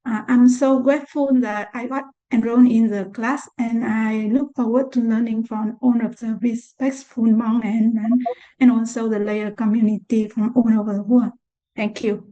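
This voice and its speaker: A woman's voice: fairly high pitch, steady tone, normal speed, dark tone. A woman from Vietnam introducing herself as a student on a video call, hesitant and apologetic. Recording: dull lo-fi video call audio.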